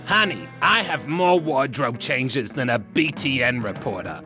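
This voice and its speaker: A sassy germ played by a man acts the celebrity diva in a comedy talk-show sketch. The voice is bright and sharp, swooping theatrically as it whines and complains. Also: mid-range voice, lively intonation, unhurried, faint music behind. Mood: sassy, exasperated.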